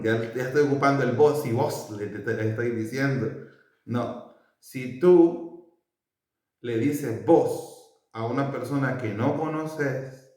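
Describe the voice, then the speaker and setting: A man from El Salvador with a Salvadoran Spanish accent, giving a casual language lesson and repeating each word slowly for his learners. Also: medium pitch, darkish tone. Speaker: language teacher. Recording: very echoey room, voice far from mic.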